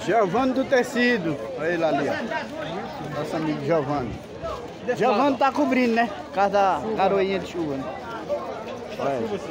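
A man's voice: sits high, lively intonation, moderate pace, long pauses. A man with a Northeastern Brazilian accent from Pernambuco, chatting casually and greeting people as a market vlogger. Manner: calls out and greets passersby informally. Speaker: vlogger filming a street market. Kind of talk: casual chatty walk-through commentary. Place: outdoor street market. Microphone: handheld phone held by the person filming. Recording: busy outdoor crowd and street noise.

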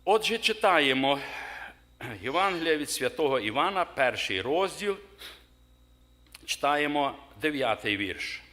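A man's voice: fairly high pitch, sing-song, pushed and bright. A middle-aged man preaching a sermon in a church, stopping to ask the congregation questions and leaning hard on key words. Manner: asks the congregation questions, emphatic pauses. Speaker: pastor. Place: church hall.

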